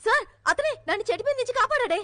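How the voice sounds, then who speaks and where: A woman's voice: extremely high pitch, lively intonation, rapid-fire, pushed and bright, heavily acted. An actress dubbing a spirited young woman on a camping trip, speaking emphatically and insistently. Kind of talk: Telugu film dub.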